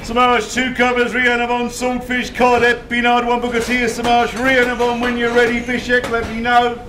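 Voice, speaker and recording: A man's voice: extremely high pitch, completely flat delivery, brisk. A man doing kitchen callouts, listing food orders in clipped phrases as a chef. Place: busy restaurant kitchen. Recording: echoey, distant, noisy working kitchen.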